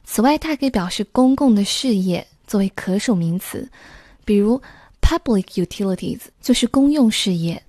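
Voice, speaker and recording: Calm woman explaining English vocabulary. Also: medium pitch, moderate pace, no echo, clean studio sound. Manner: explains words and phrases step by step, mixing in English terms. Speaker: English teacher. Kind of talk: scripted lesson narration.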